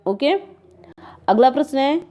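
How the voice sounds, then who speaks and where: Woman exam tutor, higher-pitched but mellow voice, steady explain-and-repeat delivery. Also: measured pace, muffled recording. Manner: addresses viewers as friends, repeats "okay" between points. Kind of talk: exam answer walkthrough.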